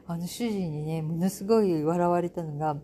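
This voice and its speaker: A woman's voice: on the low side, moderate pace, warm tone, a little hiss or hum. A middle-aged woman hosting a casual solo talk, chatty and self-amused, with lots of fillers. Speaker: podcast host. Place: home in Bali.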